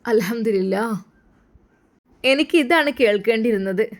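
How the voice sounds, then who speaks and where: A woman's voice: a little high, measured pace. A woman voicing a caring older mother giving earnest advice to her son.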